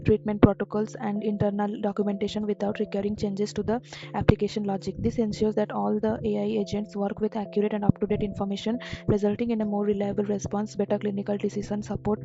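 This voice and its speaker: A woman delivers a scripted product presentation in a very monotone, mid-pitched voice. She sounds formal and read-out, on a slightly dull, lo-fi microphone. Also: fast talker, vocal fry, hardly any pauses. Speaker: software demo presenter.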